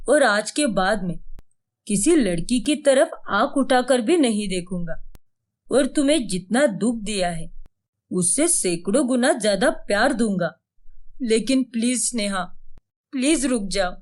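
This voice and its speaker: Jealous cartoon husband, lower and heavier than the narrator, pleading, voiced by a woman. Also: darkish tone. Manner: pleading, repeated apologies. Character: jealous young husband, accusing then pleading.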